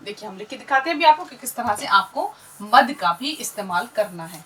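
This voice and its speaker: A woman's voice: medium pitch, animated, fairly quick, recorded from a distance, low-quality recording. A woman teaching an Urdu lesson, patiently spelling out syllables one at a time and having listeners repeat after her. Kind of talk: slow classroom lesson, spelling out sounds.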